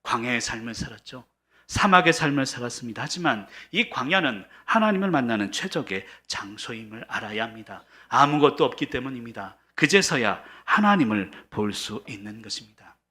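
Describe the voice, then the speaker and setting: A man's voice: medium pitch, big pitch swings, a little fast, sharp tone. A middle-aged man preaching a sermon as pastor, earnest and building to emphatic peaks.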